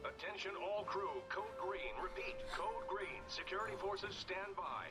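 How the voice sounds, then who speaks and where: A man's voice: high voice, measured pace. An actor playing a male ship intercom announcer, giving clipped, repeated alert calls over a tannoy. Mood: urgent. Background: loud game music.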